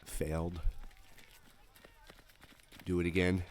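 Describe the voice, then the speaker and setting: A man giving casual, low-key commentary on his own gameplay, thinking aloud as he goes. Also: little pitch movement, slow, darkish tone.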